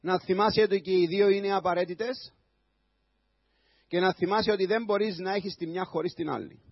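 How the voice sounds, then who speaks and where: A man pastor giving a sermon, building to loud, impassioned preaching. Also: sits high, steady tone, no room sound, lo-fi sound. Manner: preaching with a rising voice, shouting at times.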